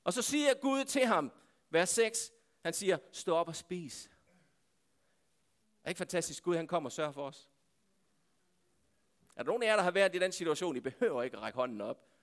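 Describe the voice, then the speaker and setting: A man preaching a sermon, swinging between loud impassioned calls to God and hushed, quiet passages. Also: sits high, very animated, pauses often. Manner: impassioned, calling out to God, then dropping to hushed tones. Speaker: pastor.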